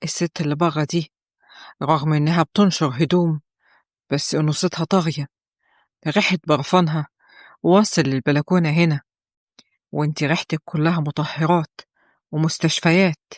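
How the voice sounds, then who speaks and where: A woman voicing a cold, scornful husband, speaking in a flat, lowered voice with an Egyptian accent. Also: brisk, long pauses, no room sound, studio quality. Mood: contemptuous. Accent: Egyptian Arabic.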